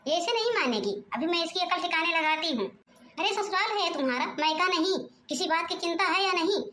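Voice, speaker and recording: Cartoon mother-in-law, sarcastic and scolding, Awadhi accent, very high voice, put on by a woman, roomy home mic. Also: lively intonation, a little fast, sharp tone, a little hiss or hum, full character voice. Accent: Awadhi-region Hindi. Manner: nagging, exasperated, sarcastic. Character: scolding strict middle-aged mother-in-law. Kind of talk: home-made cartoon voice acting.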